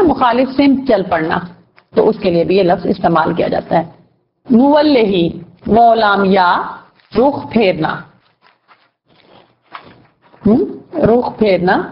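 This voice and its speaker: A woman teaching a class, explaining word roots, quizzing her students and praising their answers. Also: on the high side. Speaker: Quran vocabulary teacher. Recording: dull lo-fi recording.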